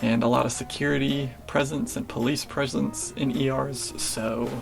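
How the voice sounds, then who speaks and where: Gravelly young man, flat delivery. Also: mid-range voice, moderate pace, music in the background. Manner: relaxed, filler-heavy, restarts. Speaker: nurse answering viewer questions. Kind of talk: casual Q&A vlog.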